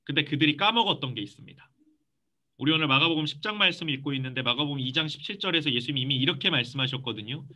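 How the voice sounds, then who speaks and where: A man preaching a youth sermon in a church, lively and acting out quoted voices. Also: on the high side, very fast. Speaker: youth pastor.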